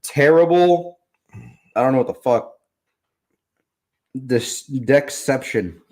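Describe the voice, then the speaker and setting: A man's voice: medium pitch, takes it slowly. A man co-hosting a podcast in casual chat, bantering and swearing freely. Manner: swearing, laughing, lively banter. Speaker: podcast co-host.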